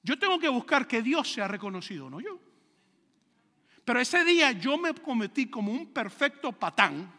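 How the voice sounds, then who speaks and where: A male pastor preaching a sermon in a church, his high, bright voice trailing a long reverb. He speaks conversationally, acts out dialogue from his own stories, and fires off rhetorical questions at the congregation. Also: sing-song, moderate pace.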